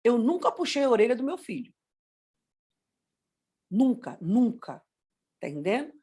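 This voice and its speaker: A middle-aged woman with a Brazilian Portuguese accent teaches parents in an animated pastoral talk. Her voice sits high and swings widely as she acts out scoldings and prayers. She speaks with a storyteller's expressive pull. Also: unhurried, slightly rough.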